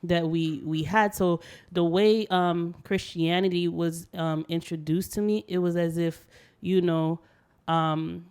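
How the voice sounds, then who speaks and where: Woman, hesitant and low. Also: steady tone, slow pace, a little mellow, clean tone. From Haiti. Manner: hesitant, many ums. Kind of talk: casual podcast chat.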